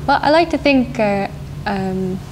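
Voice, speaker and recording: A woman's voice: medium pitch, lively intonation, unhurried, poor audio. Young South African-born woman singer, hesitant. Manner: thoughtful, hesitant, laughs often. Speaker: band singer. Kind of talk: casual interview answers. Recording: faint background noise.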